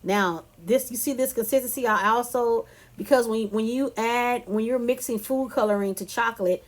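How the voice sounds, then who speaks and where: A woman's voice: a little high, normal speed. Chatty woman walking through a cooking demo. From California. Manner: chatty, loose, addresses viewers as y'all and you guys. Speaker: cooking vlogger. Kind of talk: casual cooking tutorial.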